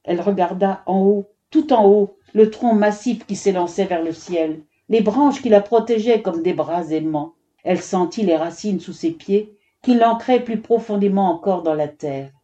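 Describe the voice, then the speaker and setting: A woman's voice: medium pitch, normal speed, warm tone, dull audio. A woman narrating a children's story expressively, giving each character a voice.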